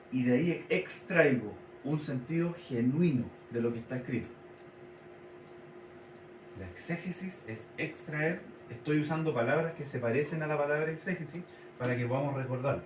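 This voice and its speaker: A man gives a teaching sermon in a slightly higher voice, slowing down to repeat and spell out key words. He sounds set back from the mic in an echoey church hall, with faint noise underneath. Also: far from the mic. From Chile. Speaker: pastor.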